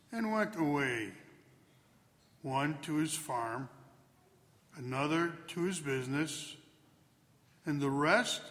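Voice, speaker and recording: A man solemnly proclaiming scripture at a church service in a measured, declamatory way, with cathedral echo around his voice. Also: on the high side, fairly bright tone. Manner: measured, declamatory, with rising and falling cadence. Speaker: clergyman proclaiming the Gospel at Mass. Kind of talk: solemn liturgical scripture reading. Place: large reverberant church.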